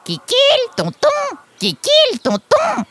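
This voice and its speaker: A woman voicing a playful joker parrot that squawks in a shrill, screechy voice. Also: huge pitch swings, slow pace, noisy background, exaggerated voice. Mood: squawking.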